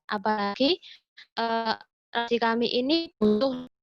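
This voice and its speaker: A woman's voice: fairly high pitch, vocal fry, clean tone, no room sound, lo-fi sound. Woman on a glitching, choppy call. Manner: halting, fragmented speech full of hesitations. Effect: choppy, breaking-up video call audio. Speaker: student organization member at a campus meeting. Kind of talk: online meeting question. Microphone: video call.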